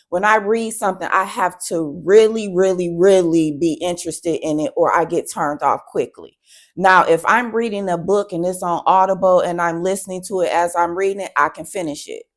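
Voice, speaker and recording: A woman in her thirties co-hosting a podcast, chatting candidly and with emphasis, often jumping into high-pitched quoted asides. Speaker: podcast co-host. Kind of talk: casual chat.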